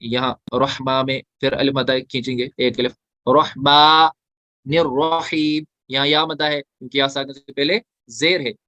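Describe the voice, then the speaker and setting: A man teaching tajweed in an online class, explaining step by step, asking questions and answering them himself, and chanting the verses slowly between explanations. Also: medium pitch, level tone, bright, forceful tone, no room sound, highs cut off. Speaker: Quran recitation teacher.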